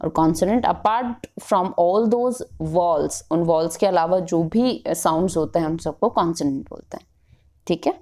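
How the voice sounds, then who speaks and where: A woman with an Indian English accent teaches a grammar lesson, speaking slowly and patiently. Her voice is mellow and sits a little low. She keeps checking in with her listeners as she goes. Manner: explains slowly, mixing Hindi and English, often checking "ठीक है".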